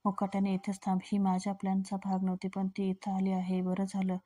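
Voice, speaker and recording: A woman reading a scheming middle-aged aunt who plots in hushed asides, in her own flat voice. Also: medium pitch, a little fast, close to an everyday voice.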